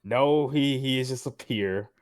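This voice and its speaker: A man voicing a tipsy, good-natured engineer in a tabletop game, halting and full of fillers. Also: medium pitch, no echo, clean studio sound, pitched above the performer's own voice, close to an everyday voice.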